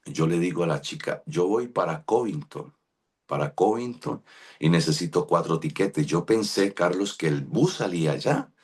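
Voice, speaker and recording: A middle-aged Colombian man with a Colombian accent, preaching from a pulpit. His voice sits very low and has a husky edge. He tells his story in lively detail, acts out the people he quotes, and speaks to listeners by name. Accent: Colombian Spanish. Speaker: pastor. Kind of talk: sermon with personal story.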